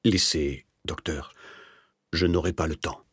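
A feverish old clerk near death, as a man reads him, speaking in a hollow, fevered voice. The tone sits extremely low and husky, with a dry, close sound. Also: fairly even intonation, unhurried, dry recording, full character voice. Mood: anguished. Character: feverish dying old male clerk, obsessive.

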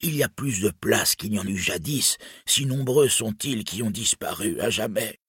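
A man's voice: lowish voice, expressive, moderate pace, a bit bright, husky, no room sound, studio quality, pitched above the performer's own voice, exaggerated voice. Mîm, a man doing a frightened old dwarf. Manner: pleading, speaks of himself by name. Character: old, poor, fearful male dwarf, pleading.

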